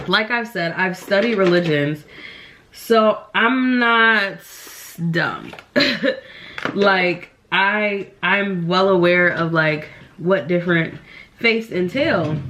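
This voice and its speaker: A young woman films a casual get-ready-with-me vlog at home, nasal from the flu and rambling with frequent fillers. Her mid-range voice is fairly bright, and the recording carries a slight hiss or hum.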